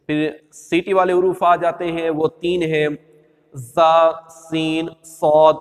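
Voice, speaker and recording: A man with a Pakistani Urdu accent leads a step-by-step recitation lesson on Quran letters, patiently repeating the rules and drawing out each letter's sound. His voice sits on the high side with little variation in pitch, and it echoes as if in a large room.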